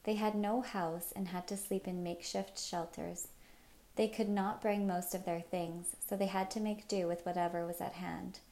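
A woman narrating a novel aloud in a calm, measured storytelling manner. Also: fairly low pitch. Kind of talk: audiobook narration.

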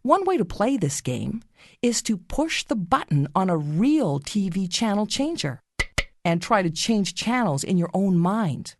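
Slow, expressive woman guiding a children's meditation. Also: on the low side, no room sound, clean studio sound. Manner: slow, soothing, gently instructing. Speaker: guided relaxation narrator for children. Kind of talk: scripted guided meditation story.

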